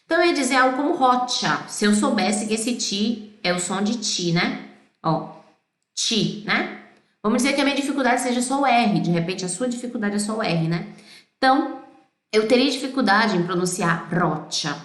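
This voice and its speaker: A Brazilian woman with a Brazilian Portuguese accent teaching Italian pronunciation, singing song lines slowly and explaining in quick bursts. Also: fairly high pitch, expressive, echoey room. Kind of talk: pronunciation lesson.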